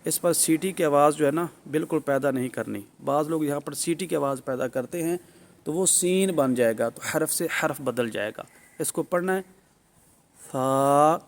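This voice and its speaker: Middle-aged man, recitation teacher, slightly high voice, patient and methodical. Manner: patient, repeats points, models each syllable loudly and drawn out. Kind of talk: alphabet pronunciation lesson.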